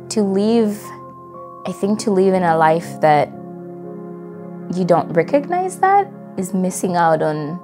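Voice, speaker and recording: Gravelly-voiced young woman telling her story. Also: on the low side. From Democratic Republic of Congo. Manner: reflective, with frequent fillers and soft laughs. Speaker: interviewee. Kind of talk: personal storytelling. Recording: music playing underneath.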